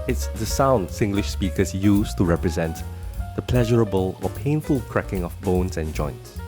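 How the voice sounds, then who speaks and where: Deep-voiced Singaporean man presenting an explainer. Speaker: host and presenter. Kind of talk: scripted explainer narration. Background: music under the voice.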